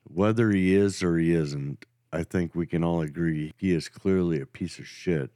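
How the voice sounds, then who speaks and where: A man hosting a podcast, telling a true crime story in a steady, matter-of-fact way. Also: low-pitched, moderate pace, dry recording, studio quality. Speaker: podcast host.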